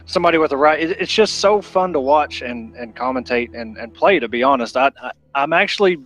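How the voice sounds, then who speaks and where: A man's voice: mid-range voice, animated, a little fast, fairly bright tone. A man doing live fighting game commentary in a casual, enthusiastic, slangy manner. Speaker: esports commentator.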